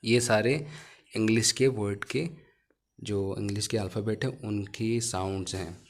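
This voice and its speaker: A man's voice: on the low side, a little slow. A man teaching English pronunciation, explaining step by step and modelling each letter sound one at a time. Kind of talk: spoken language lesson.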